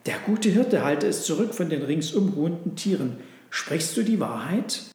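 A man's voice: fairly high pitch, animated, normal speed, darkish tone. Curious polite camel for a storybook, read by a man, inquisitive and a little puzzled, in an echoey room. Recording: roomy echo.

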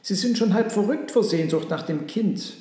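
A man voicing a small, tired, homesick donkey in a storybook reading, gentle and earnest. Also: high voice, expressive, normal speed, heavy reverb, voice pushed up.

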